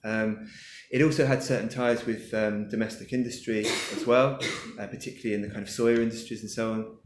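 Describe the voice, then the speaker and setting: At his book launch in a lecture room, an author answers audience questions hesitantly, thinking aloud with lots of fillers. The echoey recording carries a little hiss or hum, and his low-leaning voice is brisk with fairly even intonation.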